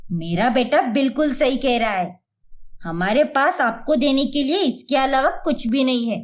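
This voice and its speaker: A woman's voice: high voice, expressive, normal speed. A woman voicing a scornful older mother-in-law in a cartoon, who talks in a taunting, mocking way.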